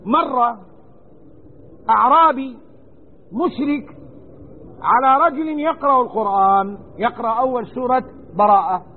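A man gives a religious lesson, his voice set very high. He is emphatic and circles back over the same phrases to correct pronunciation. It is a tinny, narrow recording with a faint hiss underneath. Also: a little slow, long pauses. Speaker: Islamic scholar teaching Quran commentary.

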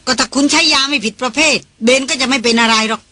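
A woman voicing a sharp-tongued, tense woman doctor in an audiobook, sarcastic and commanding. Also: sits high, fairly even intonation, quick pace, no room sound.

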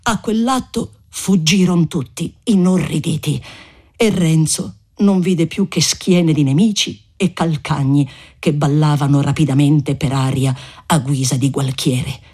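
A man narrating a classic novel in measured, expressive literary audiobook style. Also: on the high side, breathy edge. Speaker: audiobook reader.

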